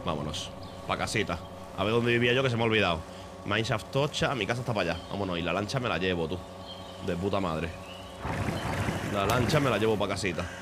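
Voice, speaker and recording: A man from Spain with a Spanish accent, streaming a game in casual commentary, excitable and swearing, breaking into shouts. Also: on the low side, fast talker, long pauses, very noisy.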